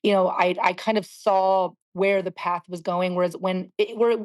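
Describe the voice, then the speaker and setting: A woman in her forties, a singer being interviewed, talking candidly and reflectively, often pausing to search for words. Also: on the low side, fairly even intonation. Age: 40s. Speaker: guest singer.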